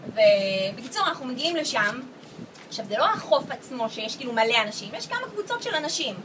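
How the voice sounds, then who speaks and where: A woman telling a story to a gathering in a casual, animated way, acting out what people said. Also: high voice, noisy background. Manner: lively, acts out quoted voices with laughter. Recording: distant mic with loud crowd chatter. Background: crowd of people talking.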